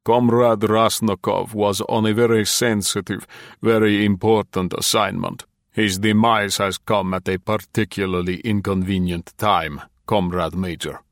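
A man voicing a fat, ruddy older Soviet general with a rasping voice, giving slow, deliberate orders in an audiobook. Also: on the low side, no echo, clean studio sound. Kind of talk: audiobook character voice.

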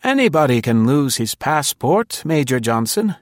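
A man reading a story aloud and voicing a courteous, obliging older ambassador with a smooth manner. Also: medium pitch, big pitch swings, moderate pace, dry recording, clean studio sound, voice pushed up, lightly acted. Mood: genial. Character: genial older male ambassador, polished and obliging.

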